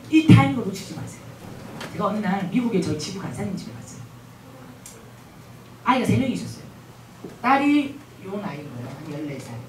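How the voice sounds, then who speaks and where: A woman speaking as a guest missionary at a church revival meeting. She talks in an animated way and keeps asking the audience questions. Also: mid-range voice, a little hiss or hum. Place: large church hall. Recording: echoey hall, mic at a distance.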